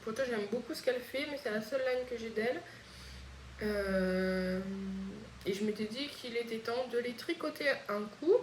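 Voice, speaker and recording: A woman's voice: on the high side, slight background noise. A woman from Réunion with a Réunion French accent, chatting casually and hesitantly as host of a knitting podcast. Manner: chatty, hesitant, frequent pauses. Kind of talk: casual chat. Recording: echoey room.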